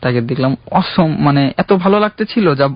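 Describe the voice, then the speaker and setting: A young man calling in to a radio show, earnestly recounting his own love story in a halting, heartfelt way. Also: a little high, lively intonation, no echo. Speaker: caller. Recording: dull, dry radio studio sound.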